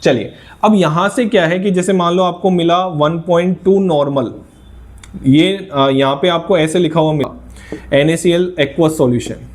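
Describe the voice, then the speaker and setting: A man's voice: fairly high pitch, normal speed. A male chemistry teacher giving a lecture, coaxing students and answering his own questions. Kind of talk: classroom lecture.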